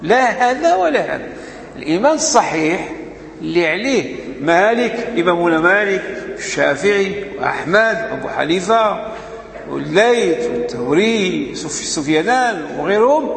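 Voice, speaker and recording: A man's voice: high-pitched, very animated, moderate pace, vocal fry, fairly bright tone. A man with a Moroccan accent giving an emphatic religious lesson, posing rhetorical questions and answering them himself. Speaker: religious teacher. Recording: echoey hall, faint background noise.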